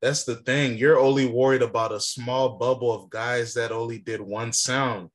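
A man's voice: mid-range voice, steady tone, moderate pace. A young man co-hosting a podcast, arguing his point in casual, profane talk and cutting in over his partner. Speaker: podcast co-host. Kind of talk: casual debate about rap.

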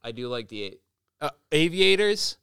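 A man co-hosting a podcast in relaxed, teasing banter. His voice is smooth and clean, and his pitch swings up and down a lot as he talks. The sound is close and dry, with no room echo. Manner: teasing, quick back-and-forth. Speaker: podcast co-host.

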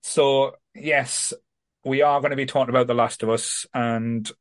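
A man's voice: medium pitch, fairly even intonation, moderate pace, no room sound. A man hosting a podcast in casual chat, rambling and self-deprecating. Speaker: podcast host.

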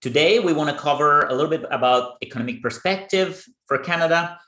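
A man's voice: on the high side, a little fast, bright, forceful tone. Man hosting a podcast, echoey room. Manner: earnest, explaining in plain terms. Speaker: podcast host. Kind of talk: podcast interview.

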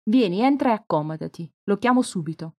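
A woman reading the lines of a lively, warm-hearted woman who runs a bed and breakfast, in an audiobook. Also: medium pitch, fairly quick, no echo, highs cut off. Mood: cheerful.

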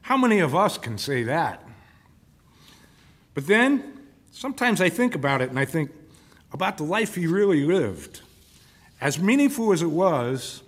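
Guy preaching sunday sermon, chatty, keeps asking the folks questions, voice on the high side. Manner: conversational, asks the congregation questions.

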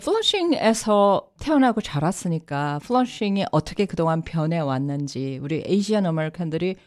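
A woman's voice: lowish voice, sing-song, normal speed, a little mellow. A woman hosting a bilingual studio radio interview, repeating and translating what her guests say.

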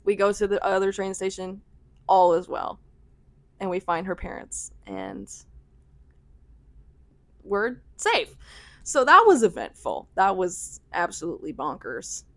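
A woman's voice: medium pitch, big pitch swings, measured pace, long pauses, fairly bright tone, no echo. Young adult American woman, vlogger, chatty storyteller, mid-range voice, dry close recording. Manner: chatty, filler-heavy with frequent "like", laughing asides. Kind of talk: casual storytelling.

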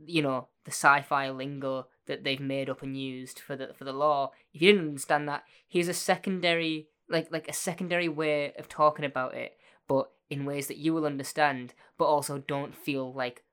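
Lowish voiced woman on a chatty podcast, sounds a bit like a cartoon, excitable n jokey. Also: normal speed, clear, resonant tone. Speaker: podcast co-host. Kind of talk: casual chat about a TV series.

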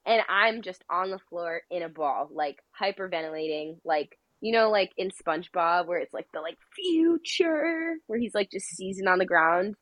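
A woman's voice: on the low side, normal speed, few pauses, a bit bright, no echo, poor audio. Brief: young woman, casual chatty storyteller, lots of fillers, dry close sound. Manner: rambling, filler-heavy, laughs between phrases.

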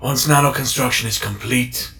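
An actor playing a cold, aloof middle-aged scientist who talks in a clipped, disdainful way. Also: male voice, medium pitch, moderate pace, sharp tone, faint music behind, close to an everyday voice.

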